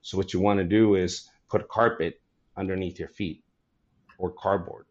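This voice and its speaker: Animated man in his forties, laughing. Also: low voice, moderate pace, dull audio. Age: 40s. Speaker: comedian guest. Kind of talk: casual podcast chat.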